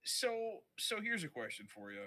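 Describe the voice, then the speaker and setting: A man's voice: sits high, big pitch swings, moderate pace, sharp tone. A man doing casual esports commentary, teasing his co-caster in dry, playfully formal phrasing. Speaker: esports shoutcaster.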